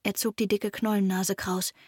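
A woman narrating a children's fantasy story in lively, expressive audiobook style. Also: medium pitch, moderate pace, husky, no echo.

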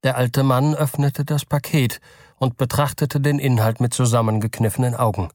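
A man, working as an audiobook narrator, calmly reads a storybook in scripted narration. His medium-pitched voice moves at a moderate pace, recorded dry with studio quality.

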